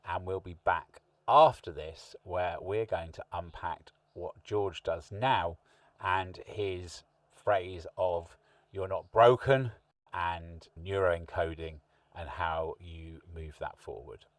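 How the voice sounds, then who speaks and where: A middle-aged man hosts a podcast, his low voice moving slowly through long, meandering, contemplative sentences in a reflective interview chat. There's no room sound. The mic is distant and the sound dry.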